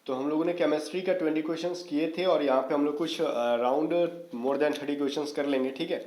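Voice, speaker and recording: A man's voice: on the high side, fairly even intonation, fairly quick, a little mellow. Casual man teaching in an echoey room. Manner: casual coaching, frequent "theek hai" check-ins. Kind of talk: exam-prep lesson.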